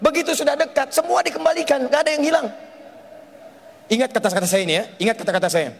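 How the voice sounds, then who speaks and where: A male preacher telling a story in a sermon, animated and asking his audience questions. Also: very high voice, quick pace, vocal fry, slight background noise. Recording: long hall reverb.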